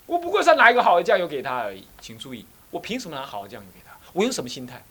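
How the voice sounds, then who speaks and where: A man's voice: on the high side, very fast, slightly rough. Taiwanese abbot guy preaching, tells stories, swings his voice all over. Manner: animated storytelling, acts out scolding voices, asks the listeners questions. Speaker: abbot and Buddhist teacher. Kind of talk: dharma talk with personal stories.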